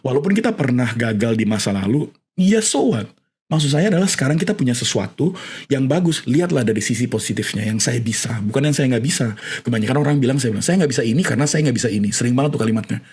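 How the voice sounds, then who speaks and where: Husky man, mid-pitched, lively guest mixing languages while telling stories. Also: fast. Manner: mixes English phrases into his talk, animated, laughs often. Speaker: podcast guest. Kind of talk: conversational storytelling and advice.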